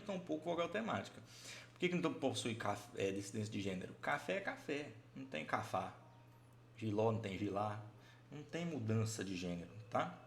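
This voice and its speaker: Man teaching grammar in an echoey room. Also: mid-range voice. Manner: chatty, keeps checking understanding with "tá?" and "né?"; restarts and self-corrections while explaining. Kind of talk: informal live class explanation. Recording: echoey room with faint background noise.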